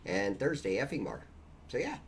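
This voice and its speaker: Lively upbeat guy hosting a call-in show, faint hiss behind him. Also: lowish voice, moderate pace. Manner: upbeat, laughs often. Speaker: host. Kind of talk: casual live call-in chat.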